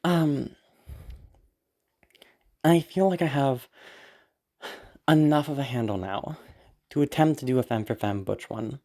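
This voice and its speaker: The congestion from illness is clear as this audio roleplay creator talks a little slowly, leaving long pauses, in a warm mid-range voice. They ramble casually to viewers, anxious and apologetic, giggling and occasionally cursing.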